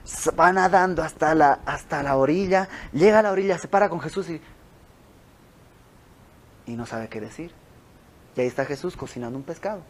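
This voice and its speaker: Mexican guy running a bible study at home, kinda high voice, chatty and animated. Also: moderate pace, long pauses, slight background noise. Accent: Mexican Spanish. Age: young adult. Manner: conversational, animated storytelling with quoted dialogue. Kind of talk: informal Bible study teaching. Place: house. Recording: home recording with audio flaws.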